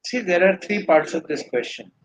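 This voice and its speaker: Husky Indian man teaching spirituality. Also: high voice, lively intonation, moderate pace, rough recording. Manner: earnest, rambling explanations with restarts. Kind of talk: live Q&A teaching.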